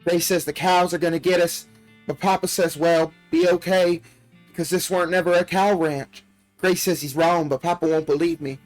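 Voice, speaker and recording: A man's voice: fairly high pitch, fairly even intonation, moderate pace, faint music behind, pitched above the performer's own voice, lightly acted, poor audio. A man voicing a frightened little country girl reading her diary, plaintive and folksy, from a video game. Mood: plaintive, uneasy.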